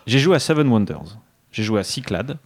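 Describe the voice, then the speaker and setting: A man's voice: on the low side, sing-song, no echo. A man co-hosting a radio show about board games, presenting the news in a joking, casual way and often restarting his sentences. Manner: joking, reads notes, halting restarts. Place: studio round a table.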